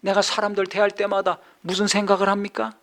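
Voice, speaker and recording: Male pastor, high voice, sermon delivery that swings from hushed to fervent. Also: completely flat delivery, brisk. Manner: swings between soft asides and loud rising exhortation; acts out scolding quotes in a harsh voice. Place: church sanctuary.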